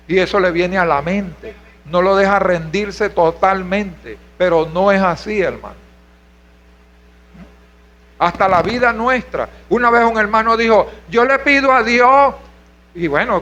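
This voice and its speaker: Speaking as a pastor, this Venezuelan man delivers his sermon in a high-pitched, fairly bright voice over lo-fi audio. Rhetorical questions fill his preaching, along with shouts of "hermano" and "aleluya" directed at the congregation.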